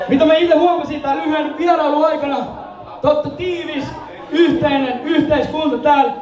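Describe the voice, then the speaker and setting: Very high-voiced man hyping a crowd. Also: steady tone. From Finland. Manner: loud, crowd-pumping call-and-response, swearing. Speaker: hype man and vlog host at a gig. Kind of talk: shouted crowd hyping at a live show. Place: indoor gig venue with a crowd. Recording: echoey venue, far from mic, loud crowd. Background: crowd noise.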